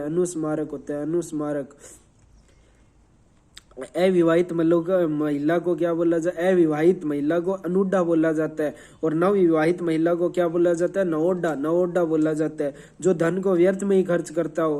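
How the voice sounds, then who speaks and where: A male teacher running a quick revision lesson, repeating answers, quizzing the class and spelling words letter by letter. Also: a little high, mellow.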